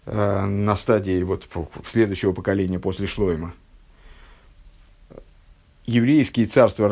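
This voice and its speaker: Lowish man teaching from a religious text. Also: darkish tone. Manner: measured, halting, with frequent fillers and self-corrections; reads and translates Hebrew quotations. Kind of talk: text study lecture.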